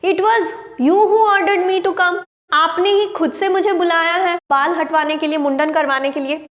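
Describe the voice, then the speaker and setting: Storybook barber, chatty and pleading, read by a woman teacher, high and unhurried. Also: fairly even intonation. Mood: coaxing. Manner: slow, read-aloud delivery. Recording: roomy with long reverb.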